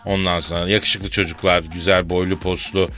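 A man's voice: low-pitched, little pitch movement, moderate pace, pushed and bright, faint music behind. A man hosting a comedy radio show, teasing his co-hosts and announcing guests with playful theatrics. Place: radio studio.

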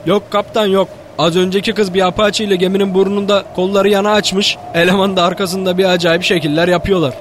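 An actor playing an anxious, nagging second captain in a comic radio play, speaking in fretful everyday slang. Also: male voice, little pitch movement, fast, few pauses, natural voice. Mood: alarmed. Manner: fretful, colloquial. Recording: noisy background with rumble.

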